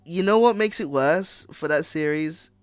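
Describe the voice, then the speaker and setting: A man's voice: a little high, moderate pace, clear, resonant tone, no echo. A man hosting a casual podcast chat, rambling with repeated words and frequent laughs. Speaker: podcast host.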